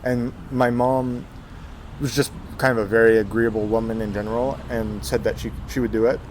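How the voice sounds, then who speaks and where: A man's voice: mid-range voice, flat delivery, normal speed, darkish tone, a little hiss or hum. A man in his twenties, born in Texas, telling his life story in a casual interview, with many fillers and restarts. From Texas, USA. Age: 20s. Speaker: interview guest.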